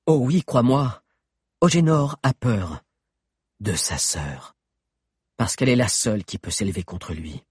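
Man doing an insistent teen boy, lively, husky, dry read. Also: mid-range voice, a little slow, long pauses, dry recording. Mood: urgent. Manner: earnest, insistent. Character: teenage boy, earnest and urgent.

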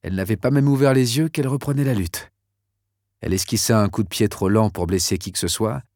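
A man narrating a novel in scripted, measured and steady storytelling. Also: lowish voice, dry recording, clean studio sound. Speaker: audiobook narrator.

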